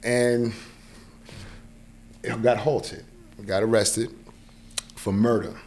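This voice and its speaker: Speaking at a medium pitch with fairly even intonation, this man talks extremely slowly, his tone a little mellow over a faint hiss or hum. He's a New Yorker in his forties, a podcast guest casually telling a personal story and often checking in with the listener. He sits in a small indoor podcast studio, close to a mic on a boom arm.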